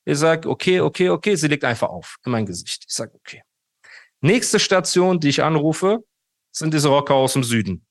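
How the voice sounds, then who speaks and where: A man's voice: a little high, normal speed, no room sound, studio quality. A man in a casual interview, telling a long story and acting out the quoted dialogue of others. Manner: animated, acts out quoted dialogue, says "Bruder" often. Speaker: guest telling his story.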